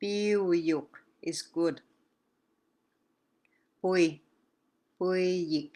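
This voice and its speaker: A woman leads an online language lesson, speaking slowly in a slightly low voice. She repeats words with care and answers questions patiently, as if over a video call. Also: flat delivery, fairly bright tone. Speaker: language teacher.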